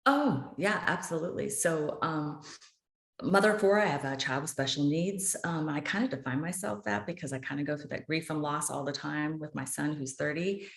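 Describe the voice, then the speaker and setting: Her deep, gravelly voice moves at a moderate pace through an echoey room as she's interviewed on a podcast. She's an American author in her fifties, earnest and impassioned, speaking with conviction.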